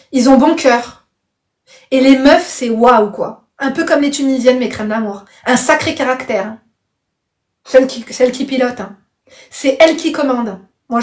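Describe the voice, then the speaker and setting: High-pitched woman live-stream host, casual chat, frank opinions, affectionate pet names for viewers. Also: darkish tone. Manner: blunt and outspoken, calls viewers darling; punctuates opinions with "I swear" and "I'm telling you the truth".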